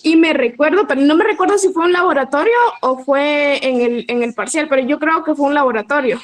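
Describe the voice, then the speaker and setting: A woman's voice: high-pitched, a little fast, low-quality recording. A woman law student asking a question in class, hesitant, with many restarts and self-corrections.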